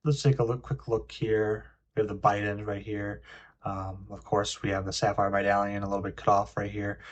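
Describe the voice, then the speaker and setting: Husky low-voiced man reading card text. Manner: reads card text aloud, many ums and uhs. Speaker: card game video host. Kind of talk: casual screen-recorded card review.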